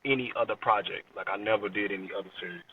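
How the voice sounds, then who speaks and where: On a casual podcast, a late-twenties rap artist from Chicago, USA, speaks in a lowish voice at a racing pace, slangy and informal, often making sure the listener follows. Background noise is present, and the lo-fi recording sounds dull, with him far from the mic.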